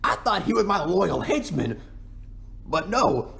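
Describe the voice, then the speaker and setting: A man voicing a self-pitying, boastful cartoon penguin king in a folksy, rambling ASMR roleplay monologue, with a gravelly, creaky voice. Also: sits high, very animated, takes it slowly, a crowd in the background, full character voice. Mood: glum, complaining.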